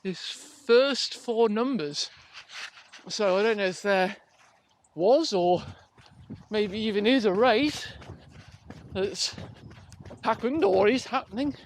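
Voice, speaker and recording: A man's voice: sits high, expressive, takes it slowly, pauses often. A British man vlogging casually while running, rambling and hesitant as he thinks aloud. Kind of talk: casual unscripted vlog chat. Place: outdoors on a rural riverside footpath. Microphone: handheld phone or recorder on the move. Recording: noisy outdoor handheld recording, clicks.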